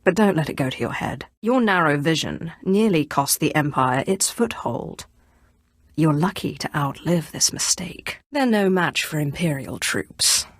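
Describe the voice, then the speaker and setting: A woman's voice: sits low, animated, a little slow, no room sound, studio quality. A woman voicing an imperious, sardonic female Sith lord in a video game, speaking with haughty, cool menace. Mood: stern, sardonic. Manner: haughty, coolly threatening, dryly sardonic. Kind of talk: video game character voice acting.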